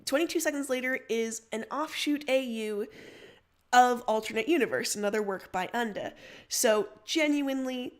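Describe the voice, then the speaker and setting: Speaking at normal speed in a fairly high voice, a woman narrates stories and chats casually with viewers as a livestream host and story reader.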